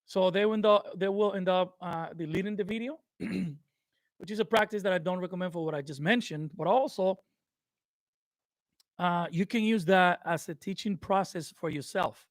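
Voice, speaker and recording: A YouTube creator whose first language is Spanish gives viewers casual advice talking to the camera, hesitant and full of fillers and restarts. His voice sits high, he speaks at normal speed, and the recording is dry.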